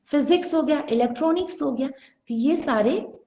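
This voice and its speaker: Woman grammar teacher, high voice, online class, keeps asking students questions, echoey room. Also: moderate pace, mellow. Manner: explains with repeated rhetorical questions.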